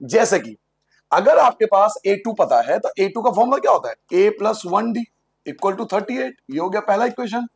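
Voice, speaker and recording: A man with a high voice teaches a maths lesson to a class of students. He walks through each step out loud, asking questions and then answering them himself in a repetitive, sing-song way. He keeps the tone playful and jokes with the class now and then. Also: very animated, moderate pace, vocal fry, slightly rough.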